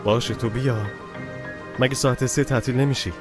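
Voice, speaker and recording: A man's voice: medium pitch, steady tone, music in the background, close to an everyday voice. A man playing a coaxing, lovesick young man. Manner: pleading, coaxing. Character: lovesick young man pressing his girlfriend. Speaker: young lover. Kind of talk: TV drama dubbed dialogue.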